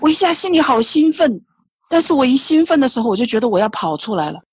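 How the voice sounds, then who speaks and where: This woman's high, sing-song voice is fast, husky, and darkish as she gives an emotional testimony at church. Recounting her prayers, she repeats words often and starts over many times. The lo-fi recording is dull and dry, with no room sound.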